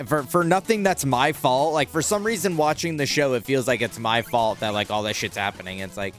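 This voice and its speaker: A man's voice: mid-range voice, brisk, fairly bright tone, faint music behind. A young man chatting casually while playing a video game, rambling and hesitant, with lots of fillers and swearing. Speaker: gaming streamer.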